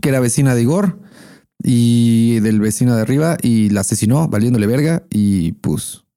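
A man's voice: mid-range voice, moderate pace, dark tone. A young Mexican man co-hosting a podcast, swearing freely and telling stories with animation. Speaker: podcast co-host. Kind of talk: casual crude chat.

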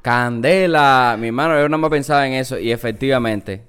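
A man's voice: mid-range voice, quick pace, clear, resonant tone. A man with a Cuban Spanish accent, telling stories in casual podcast chat and acting out the people he quotes. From Cuba. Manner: animated storyteller, acts out quotes with laughter. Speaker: podcast co-host.

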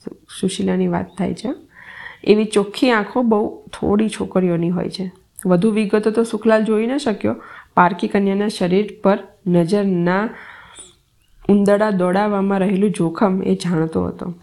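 A woman's voice: mid-range voice, fairly even intonation, normal speed, gravelly, darkish tone. A woman reading a novel aloud, stumbling into restarts and dropping chatty side comments on the story.

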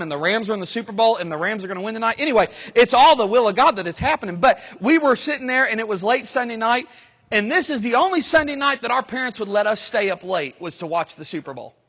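Man, pastor, high voice, sermon, loud-to-quiet swings, long hall reverb. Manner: animated preaching, swings from loud shouts to low asides. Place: church sanctuary.

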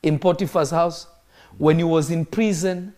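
Here a man from Kenya gives live-streamed sermon teaching in a high, darkish voice with fairly even intonation and normal speed. Emphatic throughout, he repeats phrases for effect for those watching online.

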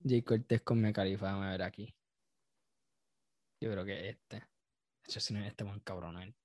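A man's voice: fairly low pitch, steady tone, normal speed, a little mellow, no echo, studio quality. A man with a Puerto Rican Spanish accent hosting a casual podcast, reacting loosely and profanely and laughing often. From Puerto Rico. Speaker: podcast host.

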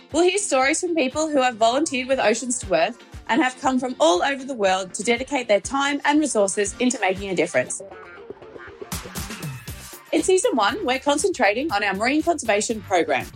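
Woman, podcast host; high, animated scripted intro over light music.

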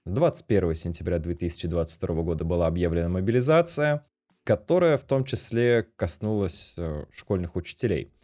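A man from Russia hosting a podcast interview, chatting in a relaxed way with fillers. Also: low voice, a little fast. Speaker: podcast host.

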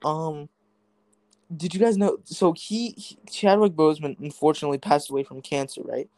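A man's voice: fairly high pitch, moderate pace, a little mellow, dry recording. Teen boy hosting a casual podcast. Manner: rambling, many fillers and restarts. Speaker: podcast host.

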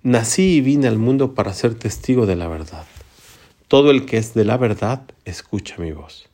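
A man with a lowish voice reading the words of Jesus as a calm male prisoner in a Gospel reading, solemn and unhurried.

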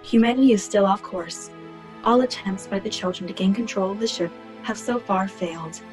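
A woman voicing a calm female ship computer AI, speaking in an even, polite, unnaturally smooth machine manner. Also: mid-range voice, moderate pace, music in the background, close to an everyday voice. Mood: formal log. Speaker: ship's computer. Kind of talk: audio drama acting.

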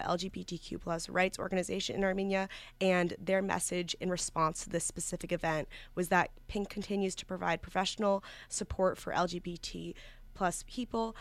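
A woman's voice: on the low side, no room sound. A young woman from New York, a student guest talking earnestly in a casual interview, with many fillers and restarts. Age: young adult.

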